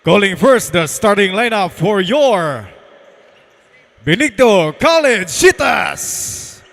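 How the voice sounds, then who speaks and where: A man's voice: high-pitched, very animated, takes it slowly, gravelly, a bit bright. A man with a Filipino accent announcing in a hyped arena style, stretching out names like a fighting game announcer. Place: large indoor arena over PA. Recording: long echoing arena PA reverb.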